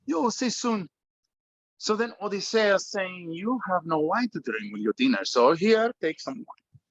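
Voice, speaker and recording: A man's voice: high voice, expressive, measured pace, dry recording, highs cut off. A man playing a heavy-accented Greek dad. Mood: storytelling. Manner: broken English, fond storytelling. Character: Greek immigrant father telling a bedtime story. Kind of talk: table read of a script.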